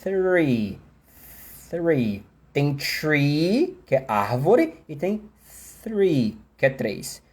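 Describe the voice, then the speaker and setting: A man with a Brazilian Portuguese accent teaching English pronunciation in a live online class, chatty and self-mocking, slowing down to exaggerate sounds. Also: on the high side, sing-song, darkish tone. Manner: exaggerated slow demonstrations.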